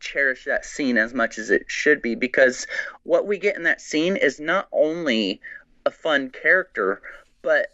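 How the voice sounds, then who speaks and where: A man guesting on a podcast, chatting excitedly and rambling with many restarts. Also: medium pitch, a little slow, no echo, dull audio. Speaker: guest, horror writer. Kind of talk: casual podcast chat.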